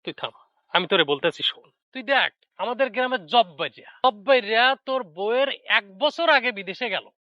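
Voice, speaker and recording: An actor playing a meddling village friend who sneers and spreads gossip. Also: male voice, high voice, no room sound, muffled recording. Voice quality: sneering, insinuating.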